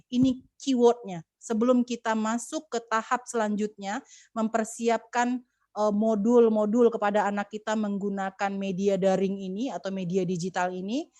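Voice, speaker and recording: A woman's voice: medium pitch, a little mellow, no room sound. A woman speaking as a communication expert on a video call webinar, giving earnest, preachy advice to mothers with many fillers and restarts.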